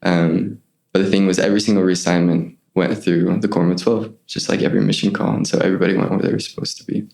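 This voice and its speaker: This young man's voice sits low and creaky, and he talks fast. Appearing as a podcast interview guest, he earnestly and energetically narrates an episode from his missionary work, imitating the voices of those he quotes.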